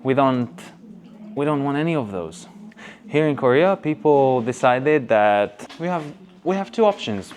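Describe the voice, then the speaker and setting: A man's voice: medium pitch, expressive, measured pace, a little mellow. A man from Hungary with a Hungarian accent, talking to camera as a vlogger, emphatic and fond of rhetorical questions, stretching the words he stresses. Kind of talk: talking to camera, opinion vlog. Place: on location at old museum buildings. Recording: clear background ambient noise.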